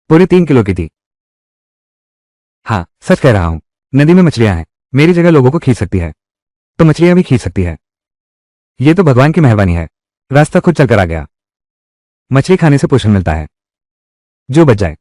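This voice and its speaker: A man's voice: mid-range voice, warm tone, no echo, studio quality, lightly acted. A man voicing heated, scolding family quarrels in dubbed drama dialogue. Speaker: voice actor dubbing a village family drama.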